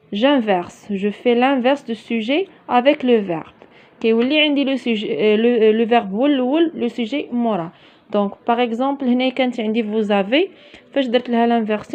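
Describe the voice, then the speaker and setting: A woman with a Moroccan accent teaching a French grammar lesson, slowly explaining and repeating key phrases, mixing in Moroccan Arabic. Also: a little high, a little mellow. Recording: dull lo-fi audio.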